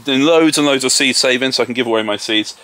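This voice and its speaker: Strolling through his garden and orchard, a chatty, self-deprecating homesteader vlogger from England gives a casual walk-and-talk tour, with farm vehicles and tractors audible far off. His bright, mid-range voice moves fast, with no room sound.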